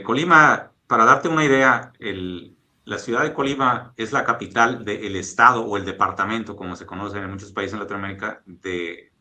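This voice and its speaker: Guest voice: man from Mexico, fifties, low-pitched and bright, measured and reflective with plenty of fillers. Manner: measured, thoughtful, with frequent fillers and restarts. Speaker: guest, oil and gas executive. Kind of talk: relaxed interview conversation.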